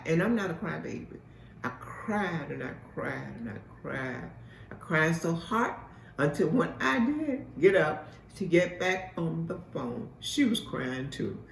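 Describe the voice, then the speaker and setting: A woman's voice: sits low, creaky, slight background noise. A woman host telling an emphatic, repetitive testimony in a preacher-like way. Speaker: host and mentor. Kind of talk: spoken testimony. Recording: echoey room from a distance.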